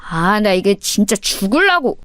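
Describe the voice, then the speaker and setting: A woman's voice: mid-range voice, big pitch swings, moderate pace, fairly bright tone, dry recording, studio quality. A woman voicing a menacing teenage male school bully who talks in threats, in an audio story. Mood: menacing swagger. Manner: threatening, swaggering.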